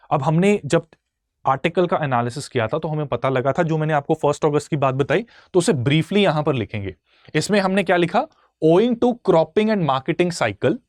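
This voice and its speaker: Explaining how to write exam answers, this young male teacher blends English phrases into his speech and frequently asks "theek hai." He speaks with a fairly high pitch, and the studio sound is clean, without room sound.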